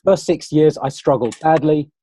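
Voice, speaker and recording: A man's voice: a little high, normal speed, warm tone. A man hosting an online webinar in a casual, conversational way, talking straight to viewers over a computer microphone. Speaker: webinar host.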